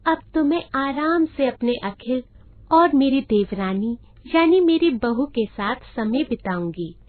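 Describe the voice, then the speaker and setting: A devoted middle-aged woman in a cartoon story speaks gently and tenderly, as a woman puts her on. Her voice sits fairly high, and the recording is thin and phone-like. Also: expressive, slow, no room sound. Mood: hopeful. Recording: tinny phone-like sound.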